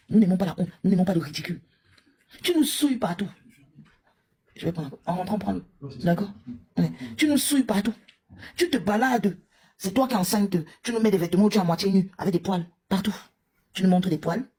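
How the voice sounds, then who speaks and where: Woman streamer, very husky mellow voice, confrontational live rant. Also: mid-range voice. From Cameroon. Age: young adult to middle-aged, a mother. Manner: scolding, confrontational, addresses a rival directly.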